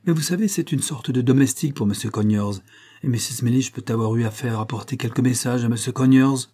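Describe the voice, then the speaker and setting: A man reading an audiobook, voicing a prim, spiteful middle-aged widow who feigns gentle sweetness and insinuates. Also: mid-range voice, brisk, natural voice. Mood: insinuating.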